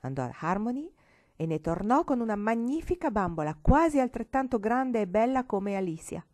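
Expressive woman reading a storybook. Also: a little high, normal speed. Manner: expressive, sometimes dropping to a whisper. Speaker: audiobook reader.

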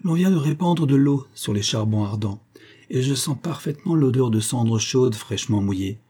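A man voicing a calm, keen young woodsman in an adventure audiobook, explaining steadily. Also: medium pitch, normal speed, slightly rough. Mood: confident.

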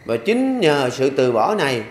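A man's voice: medium pitch, very animated, a little slow. A man, a Buddhist monk, giving a dharma talk to lay followers in a folksy, repetitive way with humorous asides. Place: temple hall. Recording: echoey hall with faint ambience.

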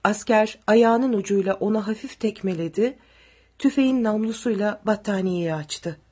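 A woman narrating an audiobook with steady, dramatic storytelling. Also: medium pitch, moderate pace, husky.

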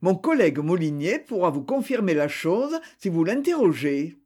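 A man's voice: sits high, sing-song, normal speed, a little mellow, breathy edge, full character voice. A man voicing a police officer who reports what he saw, respectful and assured. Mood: firm. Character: dutiful police officer giving testimony.

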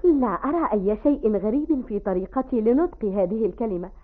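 A woman playing a clever, gently bossy sweetheart. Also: a little high, fairly quick, close to an everyday voice. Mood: affectionate. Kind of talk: radio drama acting. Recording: tinny lo-fi old radio recording.

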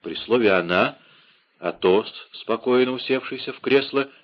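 A man narrating a classic novel as an audiobook, expressive and dramatic. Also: medium pitch, moderate pace. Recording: dull lo-fi audiobook recording.

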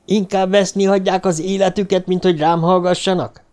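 Man putting on a desperate young man, high and loud. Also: fairly even intonation, close to an everyday voice. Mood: urgent pleading. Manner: pleading, shouting. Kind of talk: audiobook narration.

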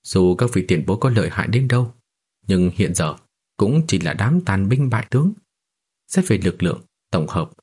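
A man's voice: lowish voice, a little mellow, husky. A man reading a silver-tongued young disciple. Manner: composed, speechmaking.

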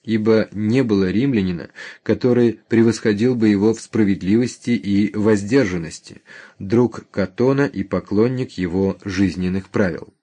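A man reading a history book aloud as scripted narration, announcing page numbers and footnotes in a measured, even way. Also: fairly low pitch, slightly rough. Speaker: audiobook reader.

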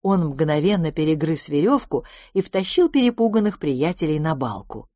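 A woman's voice: normal speed, dry recording, clean studio sound. A woman reading a children's audiobook aloud and giving each character a voice of its own. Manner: lively, shifts pitch for each character. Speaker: audiobook narrator.

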